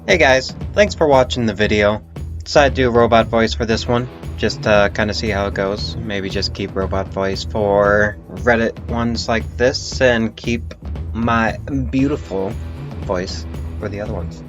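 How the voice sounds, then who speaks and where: A man's voice: lowish voice, steady tone, measured pace. A man chatting casually and informally to viewers as a video creator. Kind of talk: casual chat, video sign-off. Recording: dull lo-fi sound under music. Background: music.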